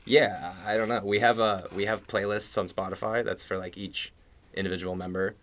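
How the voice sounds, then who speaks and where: A man's voice: fairly low pitch, little pitch movement, normal speed, fairly bright tone. A young man from Georgia in the US, a band member chatting casually in a radio interview and rambling with lots of filler words. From Georgia, USA. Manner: rambling, heavy use of "like". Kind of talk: casual chat.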